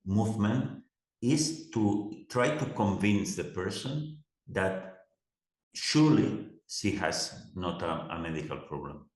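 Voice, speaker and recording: Halting non-native man, low and echoey. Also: lively intonation. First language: not English. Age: middle-aged. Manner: searches for English words as if translating in his head, halting and repeating. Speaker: interviewer and CBT therapist. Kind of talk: conversational interview. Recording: echoey room sound.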